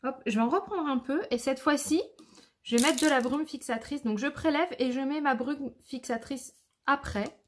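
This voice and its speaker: A woman's voice: high voice, moderate pace, a little hiss or hum. A woman, a makeup artist talking viewers through a makeup tutorial step by step in a chatty way. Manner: chatty, shows each step.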